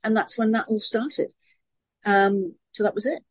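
Actress with a posh southern English accent, animated and chatty, telling stories in an interview. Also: female voice, medium pitch. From Sunderland, England. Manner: lively, animated storytelling with quick voice switches. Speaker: actress and voice artist. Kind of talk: casual interview chat.

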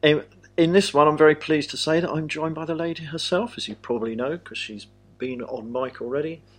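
A man's voice: a little high, fairly even intonation, fairly quick. An English man hosting a podcast, talking in a dry, self-deprecating way. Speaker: podcast host.

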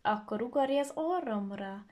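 A woman's voice: fairly high pitch, expressive, a little mellow, natural voice. A woman voicing a sly, grinning fox in a storybook, speaking in a coaxing way.

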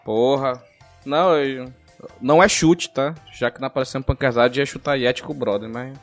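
A man's voice: mid-range voice, fairly even intonation, fairly quick, soft background music. A man with a Brazilian accent in casual gaming chat, guessing in a quiz, swearing often and thinking aloud with frequent laughs. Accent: Brazilian Portuguese. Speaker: quiz player.

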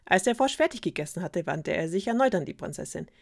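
A woman's voice: on the low side, expressive, fast, creaky. A woman retelling a fairy tale on a podcast in a casual, ironic, chatty way with fillers. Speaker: podcast storyteller.

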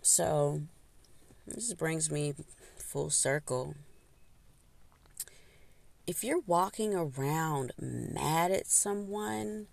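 A woman hosting a podcast, telling a story in a casual, animated way, laughing and snacking as she talks. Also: very slow, creaky, pauses often. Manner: animated, laughs often, acts out quotes in high voices; eats while talking. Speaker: podcast host.

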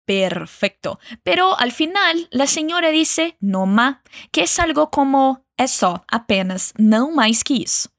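A woman leads a language lesson, speaking slowly and carefully as she models each phrase. Her voice sits a little high. The sound is dry and close. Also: expressive, a bit bright, dry recording. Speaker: Spanish teacher.

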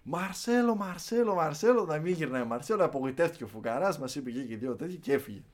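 A man speaks in relaxed conversation at a middle pitch. He tells his story with eager energy and breaks into acted-out chants and shouts. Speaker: podcast guest recounting a match trip. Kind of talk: casual chat.

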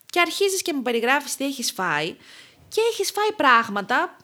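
Woman, young adult, dietitian, podcast guest, high-pitched, animated, exasperated storytelling. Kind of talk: casual podcast conversation.

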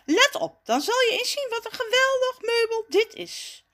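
A woman's voice: high-pitched, wildly swooping pitch, measured pace, a bit bright, pitched above the performer's own voice, exaggerated voice. A woman voicing a self-important, easily offended male cousin in a children's story, speaking in a haughty, huffy way. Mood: pompous.

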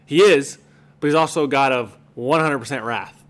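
A man's voice: medium pitch, moderate pace. A man co-hosting a podcast, chatting and explaining in a casual style. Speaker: podcast co-host.

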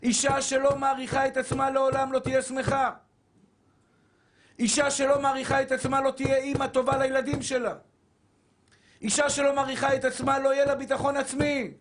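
A man preaching a Torah sermon as a rabbi, fervent and shouting, repeating phrases for emphasis and calling listeners his brothers. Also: very high-pitched, monotone. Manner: addresses listeners as brothers and dear souls.

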